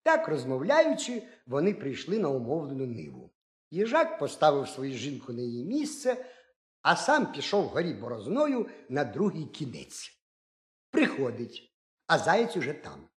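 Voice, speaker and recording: Lively man telling a folk tale. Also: on the high side, moderate pace. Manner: lively, expressive. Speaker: storyteller. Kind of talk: folk tale narration for children. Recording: roomy echo.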